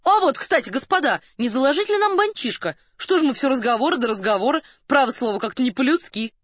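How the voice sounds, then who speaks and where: Brief: woman playing a rowdy young hussar gambler, loud, raised pitch, dry booth sound. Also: expressive, normal speed, no echo. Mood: eager. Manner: loud, eager, rollicking. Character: dashing reckless male hussar count, boisterous gambler.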